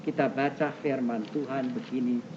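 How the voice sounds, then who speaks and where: An older man preaching a sermon as pastor, questioning the congregation directly and swinging between loud high exclamations and soft low asides. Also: steady tone, normal speed. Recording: muffled old tape recording with faint hiss.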